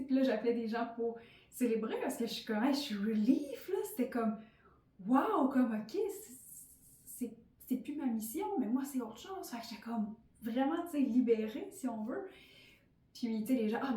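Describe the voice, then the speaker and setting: A woman's voice: mid-range voice, mellow. A woman with a Québécois French accent, a podcast host in her thirties, sharing a casual, candid personal monologue full of fillers. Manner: chatty and candid, many fillers. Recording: roomy, slightly distant mic.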